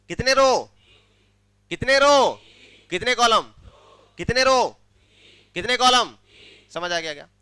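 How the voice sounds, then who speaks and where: High, bright-voiced maths teacher. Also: male voice, no echo. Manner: keeps quizzing students with repeated questions. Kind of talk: classroom maths lecture.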